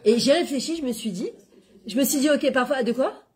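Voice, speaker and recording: Animated woman teaching a spiritual class. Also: high-pitched, brisk. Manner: animated, conversational, mixes Hebrew terms into French. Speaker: Torah class teacher and coach. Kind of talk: informal religious lesson.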